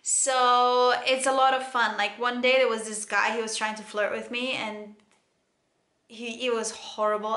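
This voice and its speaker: A young woman from Cyprus with a Greek Cypriot accent, chatting casually to camera in an animated, laughing way from a bedroom. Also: fairly high pitch. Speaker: vlogger. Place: bedroom, indoors. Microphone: camera in front, close framing. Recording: echoey room with faint music.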